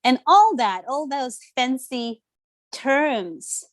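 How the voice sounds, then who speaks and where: The voice is high and animated yet very slow, with no echo. Its owner, a Ndebele-speaking social worker from Zimbabwe in her thirties, talks as a guest in a conversational interview, reflective and hesitant, with plenty of fillers.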